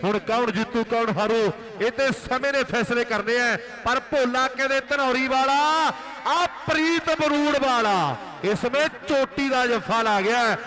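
A man's voice: very high voice, a little slow, crowd noise, poor audio. A man with an Indian Punjab accent delivering frantic rural sports commentary at a kabaddi tournament, exhorting and repeating his phrases. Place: live commentary at a village kabaddi tournament ground.

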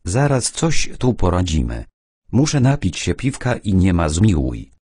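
A man voicing a brash, loutish petty thief who blusters in a low, husky voice, read within an audiobook. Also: wildly swooping pitch, a little slow, dark tone, no echo, clean studio sound, exaggerated voice. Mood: blustering.

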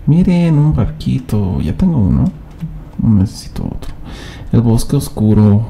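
A man's voice: mid-range voice, big pitch swings, unhurried, vocal fry, mellow, slight background noise. A man doing live gameplay commentary as a streamer, chatting and teasing his viewers directly. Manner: chatty, addresses chat directly, teasing banter.

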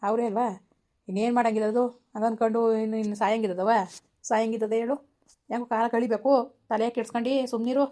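A woman playing a fast-talking consoling villager. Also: on the high side, fairly even intonation, dark tone, close to an everyday voice. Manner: soothing yet blunt, quick talk. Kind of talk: village comedy skit acting.

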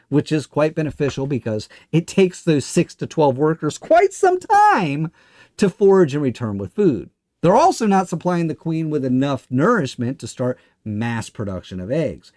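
A man's voice: a little high, a little mellow, no echo, studio quality. A middle-aged man hosting a commentary show, delivering a scripted rebuttal in a smug, sarcastic, mocking and emphatic way. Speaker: livestream host and commentator. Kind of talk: scripted monologue rebuttal to camera. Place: small indoor studio.

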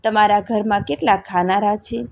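Calm wise king, woman doing him, asks stuff quietly. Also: mid-range voice, normal speed, creaky, lightly acted. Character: kind wise male king, curious.

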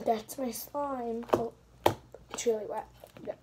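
A woman's voice: on the high side, steady tone, takes it slowly. A female vlogger casually chatting to viewers from her bedroom while making slime, rambling with apologetic asides. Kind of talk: casual vlog chat to viewers. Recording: crinkling and clicking noise behind voice.

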